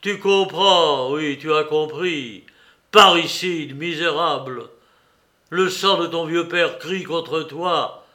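A man voicing an old police chief who shouts in red-faced rage. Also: high voice, lively intonation, slow, voice pushed up, heavily acted. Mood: furious. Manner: raging, accusing outbursts.

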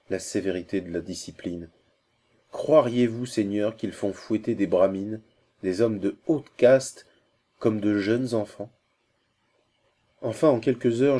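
A man doing a fierce messenger in an audiobook, low and mellow-voiced, urgent and full of scorn. His contempt flares sharply, with a savage edge. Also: lightly acted. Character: fierce, vengeful male Indian messenger.

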